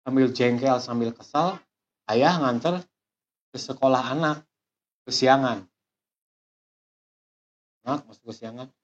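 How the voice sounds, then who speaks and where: A man teaches a lesson through a slow, deliberate story, repeating himself as he goes, in a dull lo-fi recording. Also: medium pitch. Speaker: motivational speaker.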